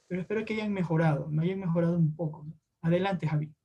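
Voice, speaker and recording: Mellow-voiced male teacher, hesitant. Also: a little high, fast, dull audio. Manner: hesitant, many fillers and restarts, tag questions. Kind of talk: online class talk.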